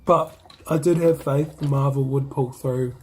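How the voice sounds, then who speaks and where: A man's voice: mid-range voice, fairly even intonation, measured pace, slight background noise. A man with a New Zealand accent, chatting casually and slangily about a film he reviewed. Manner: laid-back, slangy, rambling with restarts. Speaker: movie reviewer. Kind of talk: casual chat.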